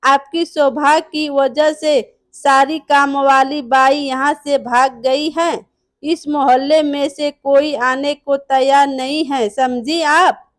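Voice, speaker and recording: Woman voicing a curt young husband, high voice, slow, storybook. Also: fairly even intonation, no echo, clean studio sound. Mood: blunt. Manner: blunt, curt. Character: son and husband, young man, blunt.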